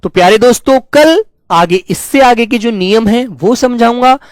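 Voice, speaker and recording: A man's voice: very high voice, moderate pace, dry recording. A man teaching an online spelling lesson to exam students, talking in a coaxing, repetitive teacherly way.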